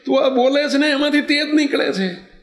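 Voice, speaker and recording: A man's voice: very high-pitched, normal speed, echoey room, pitched above the performer's own voice. A man playing a remorseful middle-aged male rickshaw driver who pleads and stammers out apologies. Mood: pleading.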